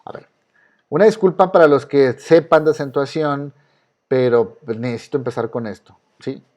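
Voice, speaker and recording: A man's voice: mid-range voice, moderate pace, darkish tone. Patient male teacher with a Mexican accent. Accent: Mexican Spanish. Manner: patient, explains step by step, asks students questions. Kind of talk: online class lesson. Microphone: video call.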